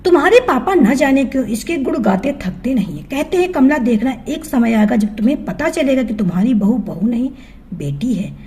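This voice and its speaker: A woman voicing a sharp-tongued, grumbling older mother-in-law in a storybook tale, with a scolding, sarcastic manner. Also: on the high side, big pitch swings, moderate pace.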